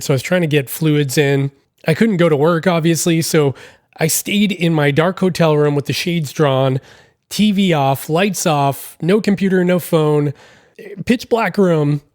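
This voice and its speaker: A man in his thirties from Massachusetts hosts a casual solo podcast from a hotel room, his voice scratchy from illness. He rambles, puts himself down and keeps apologizing. His voice sits on the high side and is a little mellow, recorded dry with studio quality.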